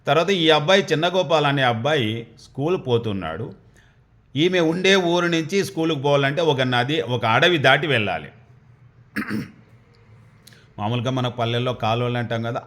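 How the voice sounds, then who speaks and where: Man, folksy devotional storyteller, mid-pitched. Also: moderate pace, a bit bright. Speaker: spiritual storyteller.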